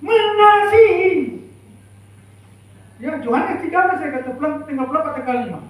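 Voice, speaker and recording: A man's voice: extremely high pitch, moderate pace. A man preaching a sermon as pastor, emphatic and calling out to the congregation for replies. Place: church sanctuary. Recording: echoey church hall, mic far off.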